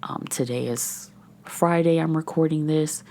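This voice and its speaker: A woman's voice: deep voice, unhurried, a little mellow. A woman in her thirties hosting a candid solo podcast, rambling and sometimes dropping to a whisper. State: frustrated and overwhelmed. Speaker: podcast host and menopause coach. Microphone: podcast microphone.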